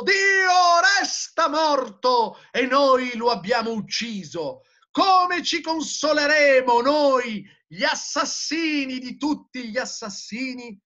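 A man's voice: very high-pitched, pushed and bright, pitched above the performer's own voice, exaggerated voice. A male teacher reading aloud as a frantic madman who cries out in anguished declamation, on a dull lo-fi recording. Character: frantic male madman crying out that God is dead.

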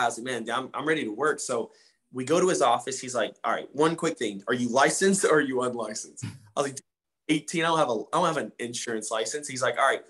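A man's voice: mid-range voice, fairly bright tone. Laid-back young man telling a story. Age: 20s. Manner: laid-back, slangy, says dude and man often. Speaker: guest. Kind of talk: casual interview storytelling.

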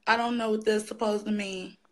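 A woman in her twenties from Chicago's South Side, calling in from work and talking quietly with many ums. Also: medium pitch, level tone, a little fast, rough recording. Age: 20s. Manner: hesitant, filler-heavy, kept quiet. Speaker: caller. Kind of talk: casual call-in opinion.

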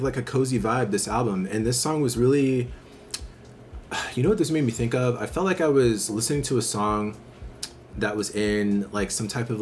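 A man's voice: medium pitch, a little hiss or hum. A middle-aged man casually chatting his reactions as a video host, enthusiastic and full of fillers like "like" and "uh". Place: small home studio with neon light.

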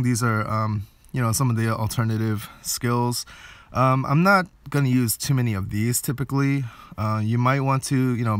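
In a dry recording, a man with a fairly low voice talks through a game indoors as a voice-over on the footage. He is a gaming video host, casual and explanatory, thinking aloud over the background game music.

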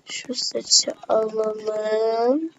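A woman doing casual let's-play commentary as a gaming YouTuber, excitable, talking straight to her viewers and breaking into gasps and shrieks. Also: fairly high pitch, extremely slow. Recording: slightly dull lo-fi with faint hiss.

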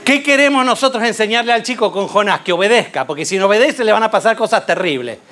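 A man preaching a sermon, telling a Bible story with rhetorical questions and lively storytelling. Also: high voice, fast, a faint crowd.

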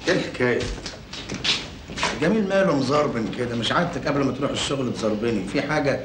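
An actor with an Egyptian Arabic accent playing a scheming, boastful crook who talks in a cocky way in an old film. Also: male voice, medium pitch, animated, fast talker, close to an everyday voice. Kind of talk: 1980s Egyptian film acting. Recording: echoey old film soundtrack with noise.

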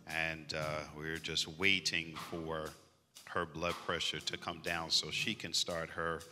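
A middle-aged male pastor calmly reading prayer requests to his church. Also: low voice. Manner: measured, pastoral, slow. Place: large church sanctuary. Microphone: handheld microphone. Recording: church hall reverb.

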